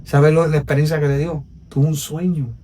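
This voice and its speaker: A Puerto Rican evangelist tells his testimony with a preacher's earnestness, his fairly high voice dropping low and then rising with emphasis. He sits a little back from the mic, so the sound is somewhat distant. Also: little pitch movement, fairly quick, a little hiss or hum. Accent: Puerto Rican Spanish. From Puerto Rico. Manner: earnest, preacherly, swings between hushed and emphatic. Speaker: evangelist, podcast guest. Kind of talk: personal testimony storytelling.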